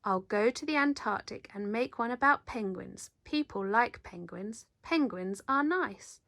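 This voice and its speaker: A woman voicing an indignant television man in a storybook, scolding with huffy, deliberate emphasis. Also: a little high, expressive, a bit bright, no echo, studio quality.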